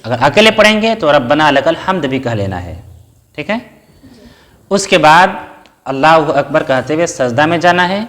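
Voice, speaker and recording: A man's voice: fairly high pitch, big pitch swings, normal speed, a bit bright. A man teaches each step of the prayer in order, in a slightly raised voice. He poses a question to the listener and answers it himself. He works short recited Arabic phrases into the explanation. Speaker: religious teacher. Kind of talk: step-by-step spoken lesson.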